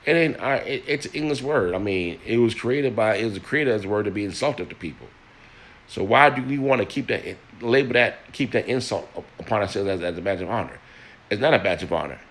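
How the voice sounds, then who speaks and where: A man's voice: on the low side, expressive, a little fast, fairly bright tone. An older man in a personal monologue, earnest and plain-spoken, often repeating words and restarting as he speaks to listeners.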